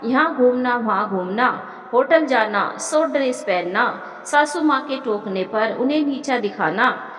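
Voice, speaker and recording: A woman's voice: a little high, lively intonation, unhurried, a bit bright. A woman voicing a remorseful young daughter-in-law who talks in an anxious, self-reproaching way. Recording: echoey room with long reverb.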